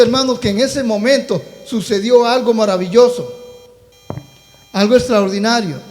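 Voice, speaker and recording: A man preaching a sermon in a church, telling a personal testimony with passion and speaking directly to the congregation as brothers and sisters. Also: very high-pitched. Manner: impassioned storytelling, addresses congregation as brothers. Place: church sanctuary. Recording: long church reverb.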